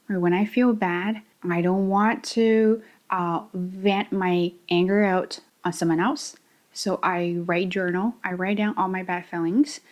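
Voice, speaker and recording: A woman teaching a podcast English lesson in a mid-range voice, neither high nor low. She talks straight to the listener and coaches them. She swings her pitch and volume a lot to show how intonation changes a sentence. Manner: expressive, demonstrates intonation with swings in pitch and loudness; direct, coaching address to the listener.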